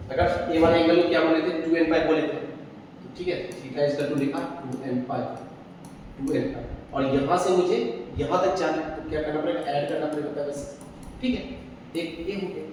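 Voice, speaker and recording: A man's voice: on the high side, darkish tone. A man teaching a maths lesson, explaining step by step and answering his own questions. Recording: echoey room, far from the mic, faint noise.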